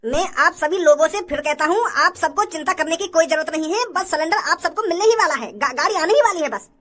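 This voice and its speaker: A woman's voice: very high-pitched, lively intonation, brisk, fairly bright tone. A woman voicing a nervous, placating gas depot man in a Hindi cartoon, soothing and stammering. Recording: noisy background.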